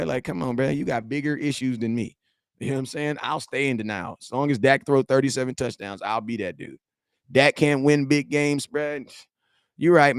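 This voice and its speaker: A man, reading and answering viewer chat in a slangy, animated sports rant. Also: mid-range voice, smooth, dry recording, studio quality. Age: 40s. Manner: animated, slangy trash talk, shouts at chat. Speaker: sports fan streamer.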